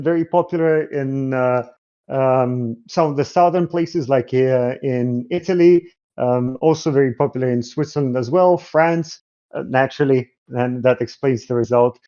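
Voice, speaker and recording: A man's voice: mid-range voice, moderate pace, dark tone, dull audio. A man in a casual discussion, explaining findings with frequent hesitations. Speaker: guest analyst.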